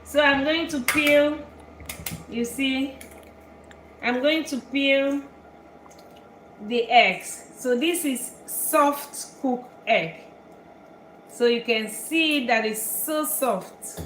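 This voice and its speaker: A high-pitched woman from Belgium hosts a live cooking stream, talking slowly through every step as she works. Her voice rings in an echoey kitchen with steady background noise. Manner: chatty, explains each step while working. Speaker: cooking show host. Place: home kitchen.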